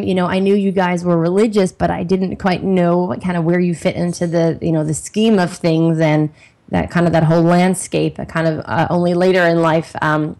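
Woman host, rambling casual chat, slightly low voice. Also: a little mellow. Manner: rambling, many fillers and restarts. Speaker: podcast host.

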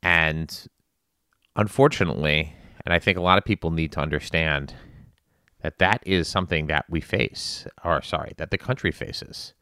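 Male, very low and clear voice, earnest commentary delivered in halting, emphatic phrases. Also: pushed and bright, dry recording, clean studio sound. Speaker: spin class instructor. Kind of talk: earnest monologue on current events.

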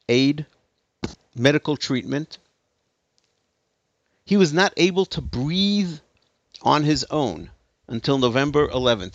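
A man's voice: medium pitch, dry recording, muffled recording. A man giving a lecture to an audience, telling a story emphatically with hesitant restarts. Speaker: speaker giving a talk.

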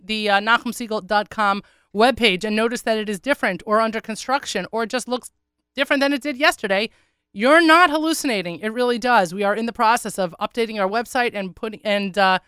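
A woman with an American accent hosts a casual radio show. Her voice is bright and close, though congested and hoarse, with a froggy, swallowed sound. She talks in a wry, self-deprecating way. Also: fairly high pitch, fast, dry recording. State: congested, under the weather. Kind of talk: casual chatty radio monologue.

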